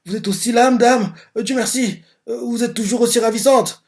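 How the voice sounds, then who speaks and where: A man voicing a weepy teenage boy who gushes with relief in a high, drawn-out, tearful tone. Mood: polite gushing.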